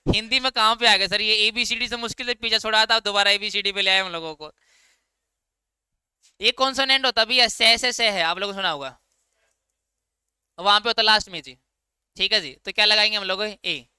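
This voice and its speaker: A man teaching a class in a very bright, crisp, clear voice. He fires questions at his students and answers them himself, in a casual lecture style. The sound is dry and close, with no room echo. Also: high-pitched, a little fast, pauses often. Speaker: English grammar teacher.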